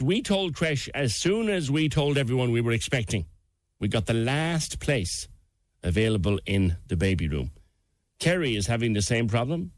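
A man's voice: medium pitch, dry recording. A middle-aged man with an Irish accent hosting a radio phone-in, chatting and reading out listener messages. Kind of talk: conversational talk radio presenting.

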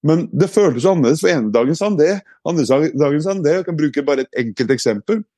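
A man's voice: fairly high pitch, expressive, dark tone, dry recording, studio quality. A man co-hosting a podcast, telling a personal story with energy and acting out the voices in his head. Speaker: podcast co-host. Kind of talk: casual podcast chat.

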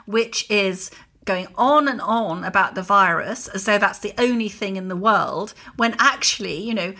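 A woman's voice: mid-range voice, normal speed, sharp tone. A woman co-hosting a political podcast, talking in an emphatic, indignant way. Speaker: podcast co-host, columnist. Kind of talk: opinionated political chat.

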